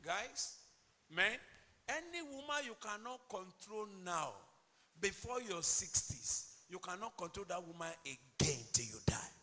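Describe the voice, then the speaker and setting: A male pastor preaching a sermon emphatically, swinging between loud declarations and low asides. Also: sing-song, a little slow, long reverb tail.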